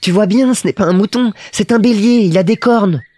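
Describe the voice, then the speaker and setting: A man voicing a small, earnest and curious boy prince in an audiobook, speaking high and insistently. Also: brisk, dark tone.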